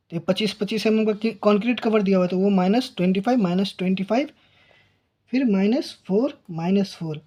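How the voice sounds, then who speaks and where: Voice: mid-range voice, darkish tone. A tutor explaining engineering calculations step by step, often repeating numbers and phrases while working through them.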